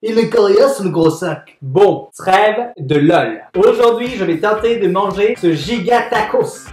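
A man putting on a put-on Québécois accent as a greedy, excitable young Canadian guy in a comic food-tasting vlog, loud and theatrical. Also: sits high, normal speed, lightly acted. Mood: chatty. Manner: loud, theatrical, shrieking exclamations. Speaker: YouTuber doing food challenges. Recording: echoey room, faint background music.

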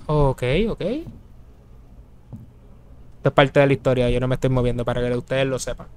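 A man hosting his gaming channel, commentating a horror game as he plays, chatting to his viewers and yelping and shouting at the scares. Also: medium pitch, normal speed, a little hiss or hum. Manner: excitable, yelps and shouts at scares, chats to viewers. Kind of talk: Let's Play commentary.

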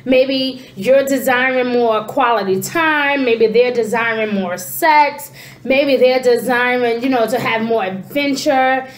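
Taking things slowly, a high-voiced tarot reader in her forties gives a casual spiritual reading to camera despite a congested, stuffy nose. She gestures animatedly and repeats "you know" and "okay" a lot. A camera at desk distance records her in a small room with a roomy, echoey sound.

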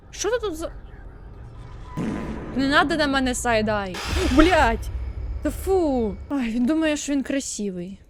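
Woman playing a game, high voice, sarcastic, swears a lot, mocking commentary. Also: a little hiss or hum. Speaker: gaming streamer. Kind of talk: let's play commentary.

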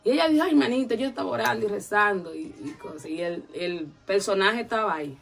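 A woman's voice: mid-range voice, fast talker, vocal fry, breathy edge. A woman telling a long story in a casual interview, acting out the voices of the people in it. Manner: animated, acts out quoted voices.

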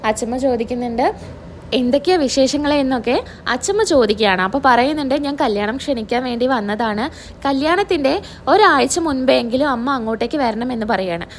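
High-voiced woman retelling a serial. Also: lively intonation, a little hiss or hum. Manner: retells scenes line by line, quoting the characters' dialogue; fills pauses with drawn-out "aa". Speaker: serial review vlogger. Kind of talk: casual retelling of a TV serial episode.

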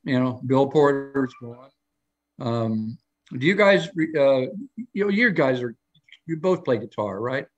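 A man's voice: medium pitch, expressive, unhurried, lo-fi sound. Older man telling rambling studio stories. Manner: rambling anecdotal storytelling with many restarts; acts out quoted lines in a raised voice. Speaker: guest storyteller on a live show. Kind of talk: casual live interview chat.

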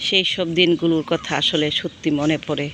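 A hoarse woman with a cold, hosting a gardening vlog and gently telling nostalgic childhood stories from her rooftop garden outdoors. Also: deep voice, steady tone, brisk, noisy background. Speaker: gardening channel host. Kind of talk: casual reminiscing vlog.

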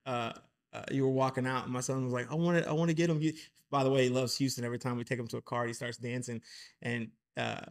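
A man's voice: mid-range voice, fairly even intonation, quick pace, gravelly. A man hosting a casual podcast chat, telling a chatty story about his son and laughing along. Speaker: podcast host, father.

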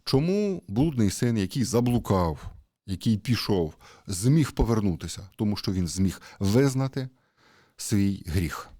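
A man giving a conversational sermon, asking rhetorical questions and pausing with hesitations. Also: lowish voice, expressive, dark tone, no echo, studio quality. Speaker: priest.

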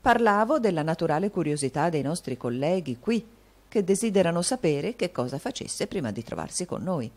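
A woman's voice: on the low side, big pitch swings, fairly quick, a little mellow, pitched above the performer's own voice. Woman voicing a sly gossiping male actor. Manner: insinuating, confiding tone.

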